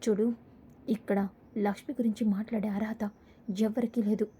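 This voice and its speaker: A woman's voice: mid-range voice, flat delivery, normal speed, mellow, slight background noise, close to an everyday voice. A woman reading the lines of a stern, protective mother-in-law while recapping a serial episode.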